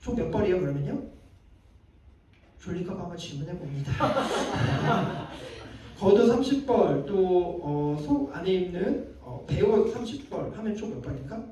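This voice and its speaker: This male pastor chats with a young adults group while preaching, quizzing them and acting out quoted lines. His voice is high-pitched but dark in tone, with big pitch swings at a moderate pace. It's captured from a distance in an echoey room with a little hiss or hum.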